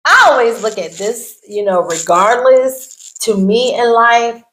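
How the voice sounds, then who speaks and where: A woman hosts a casual talk show, chatting and sharing strong opinions in a lively way. Her voice sits a bit high. It rings in a roomy, echoing space. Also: unhurried. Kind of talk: casual chat.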